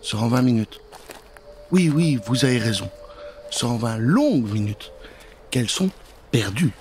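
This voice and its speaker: Speaking in a sing-song, slightly slow medium-pitched voice, the middle-aged narrator plays up a spooky kids' story with theatrical fun, talking right to his audience. He's in a dark studio booth on a close, pop-filtered mic, with prominent music and slight background noise.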